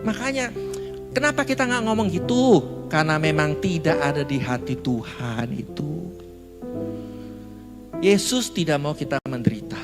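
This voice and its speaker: A high-voiced man preaching a lively, jokey sermon and calling out to his congregation. His voice carries a long reverb through a church hall, with instrumental music clearly playing behind him. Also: normal speed, long pauses. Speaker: pastor.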